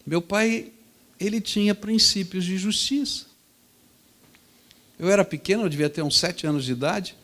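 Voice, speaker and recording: Man preaching through a vivid story. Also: high voice. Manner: vivid storytelling, swings between loud and soft. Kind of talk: storytelling sermon. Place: church.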